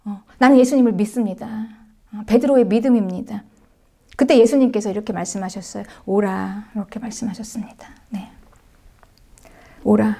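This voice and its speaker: Higher-voiced woman pastor preaching animatedly. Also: quick pace. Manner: animated storytelling, acting out scripture voices; frequent affirming asides and soft drops to near-whisper. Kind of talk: sermon.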